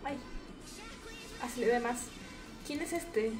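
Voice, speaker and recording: Over music, a young Mexican-accented gaming streamer talks slowly and casually about her gameplay, occasionally breaking out in shrill, shrieking outbursts.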